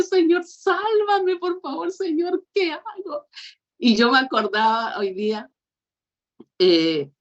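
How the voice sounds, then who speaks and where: A middle-aged woman preaches with a fairly high voice, telling her story with rising emotion and pleading passages. The recording sounds dull and lo-fi. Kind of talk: sermon.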